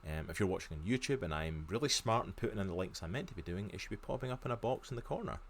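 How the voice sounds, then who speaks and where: Deep-voiced Glaswegian man chatting eagerly. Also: lively intonation, rapid-fire, slight background noise. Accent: Glaswegian Scottish. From Scotland, near Glasgow. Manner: chatty and enthusiastic, lots of fillers. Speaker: podcast co-host. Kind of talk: casual podcast chat. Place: home room. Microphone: video call.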